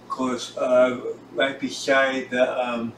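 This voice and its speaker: In his indoor home recording room, a man presents his own gear in a casual filmed tour, his slow, halting speech broken into small pieces as if guiding a visitor. His voice is medium-pitched and level. The tripod camera is set some distance back, yielding a roomy echo, distant pickup, and a faint hissy layer.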